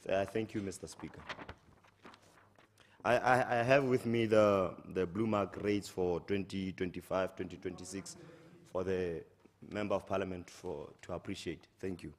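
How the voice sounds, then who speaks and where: A man with a Botswana accent, hoarse and distorted from flu, reading a formal answer in parliament with halting "uh" hesitations. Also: sits low, steady tone, big-room sound. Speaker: assistant minister answering in parliament. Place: parliament chamber.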